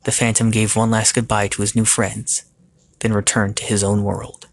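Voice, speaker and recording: A man reading a story aloud as its narrator in a steady, even way, with a gravelly voice. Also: fairly low pitch, moderate pace. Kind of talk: scripted narration.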